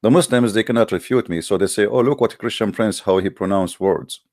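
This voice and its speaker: Hosting a religious call-in debate, a Middle Eastern man who natively speaks Arabic delivers a combative, boastful, emphatic monologue in short phrases, his English carrying an Arabic accent. His voice is lowish, brisk and a little mellow, recorded in clean studio sound with no room noise.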